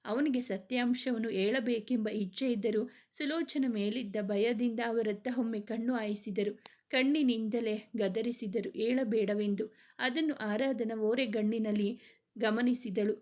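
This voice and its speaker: A woman narrating a serialized family story aloud, expressive and acting out every character. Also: fairly high pitch, unhurried.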